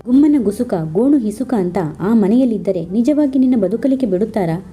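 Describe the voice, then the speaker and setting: A woman's voice: fairly high pitch, expressive, fairly quick, mellow, close to an everyday voice. A woman voicing an angry, outspoken sister-in-law who scolds and rants in a storybook reading. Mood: scolding. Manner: scolding, ranting.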